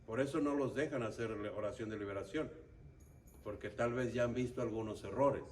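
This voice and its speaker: A man's voice: mid-range voice, brisk, darkish tone. A man teaching a church prayer group, instructive and often checking that listeners follow. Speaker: lay instructor of an intercession ministry. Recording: distant mic, faint background noise.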